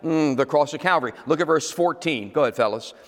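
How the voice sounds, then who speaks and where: A male pastor preaches to his congregation, explaining a word slowly and then repeating it. He checks that his listeners follow and asks them to say it back to him. His voice sits a little high and carries a long hall reverb. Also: animated. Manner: teaching, repeats key words, asks the congregation to respond. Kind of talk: sermon.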